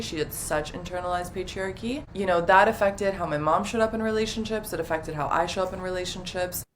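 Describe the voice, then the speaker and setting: The recording is rough, with a little hiss or hum, and the woman's voice sits on the low side. She is a relationship coach in her twenties with half Dominican, half Italian roots, partly raised in the US. As an interview guest she chats warmly and openly, packing her speech with fillers like "like."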